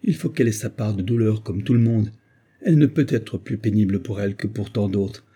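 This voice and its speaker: A man's voice: lowish voice, fairly quick, mellow, husky. A man reading an audiobook and voicing a desperate, remorseful woman who pleads and wails. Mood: grave. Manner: wailing, pleading outbursts.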